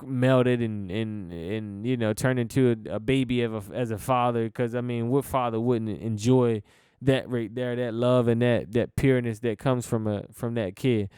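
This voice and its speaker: A man's voice: medium pitch, fairly even intonation, normal speed, darkish tone, smooth, dry recording, clean studio sound. Rambling laid-back American man podcasting. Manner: rambling, laid-back, many fillers and restarts, swears casually. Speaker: podcast host. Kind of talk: casual solo podcast chat.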